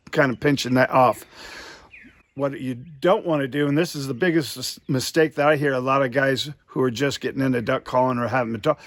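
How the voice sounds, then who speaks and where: A man with a mid-pitched voice gives an informal instructional talk. He explains each step in a folksy, plainspoken way, as a hands-on instructor demonstrating technique. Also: no room sound. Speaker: duck calling instructor.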